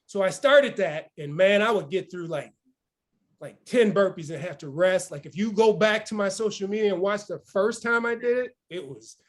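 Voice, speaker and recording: A high-voiced man roughly fifty years old gives an energetic morning motivational talk at normal speed, frequently checking in with a quick "right?"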